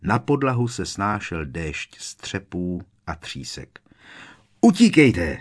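A man narrating an audiobook in steady scripted storytelling. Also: deep voice.

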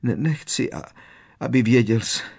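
A man's voice: mid-range voice, expressive, creaky, darkish tone, husky. A man voicing a distraught middle-aged mother witch who sobs, stammers and gasps for breath in an audiobook reading. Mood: sobbing.

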